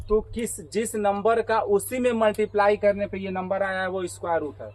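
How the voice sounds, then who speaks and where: High-voiced man teaching math to students. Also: steady tone, normal speed, darkish tone, poor audio. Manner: asks the class questions and repeats their answers. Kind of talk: classroom math lesson. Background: students answering in chorus.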